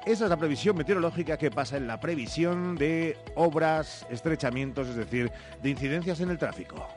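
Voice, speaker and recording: A male radio presenter with a Castilian accent and a medium-pitched voice. He hosts live with playful, theatrical banter and teasing asides, over faint music. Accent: Castilian Spanish. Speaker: radio host.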